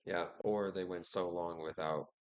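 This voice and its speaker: A man with a fairly low voice co-hosting a casual podcast. He is blunt and outspoken, with crude jokes thrown into the conversation. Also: steady tone, measured pace. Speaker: podcast co-host. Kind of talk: casual chat.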